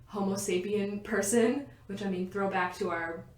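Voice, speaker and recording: A young woman co-hosts a casual podcast from her bedroom, rambling happily and laughing through her sentences. Her voice sits at an ordinary pitch, and the room around her gives it a noticeable echo. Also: normal speed. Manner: giggly, rambling, often laughing mid-sentence. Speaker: podcast co-host. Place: a bedroom at home.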